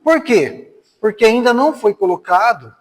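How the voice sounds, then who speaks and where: A man's voice: high voice, sing-song, moderate pace. A Brazilian man giving a spiritist lecture, telling personal stories in a conversational way and asking the audience rhetorical questions. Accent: Brazilian Portuguese. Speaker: spiritist speaker. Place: spiritist center hall. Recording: reverberant hall.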